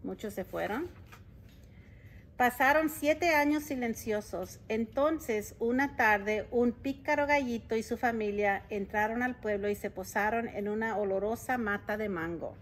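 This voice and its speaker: Woman, fairly high voice, expressive read-aloud, chatty asides, storybook narration. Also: unhurried. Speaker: school board president reading to children.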